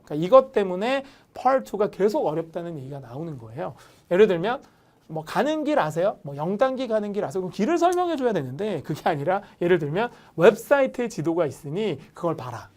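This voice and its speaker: Korean TOEIC lecturer, very expressive intonation, plays out example exchanges. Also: medium pitch. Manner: animated, acts out quoted dialogue lines. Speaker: TOEIC listening instructor. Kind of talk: online lecture.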